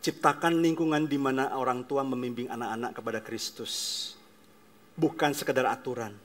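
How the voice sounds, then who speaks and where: A male pastor preaching a sermon, emphatic, swinging between loud declarations and soft asides. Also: mid-range voice.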